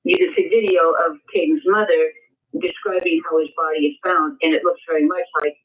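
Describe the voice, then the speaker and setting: A man's voice: fairly high pitch, steady tone, a little fast, slightly rough. A man in a remote conversation, cautiously probing the case and often repeating himself. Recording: dull distant call audio.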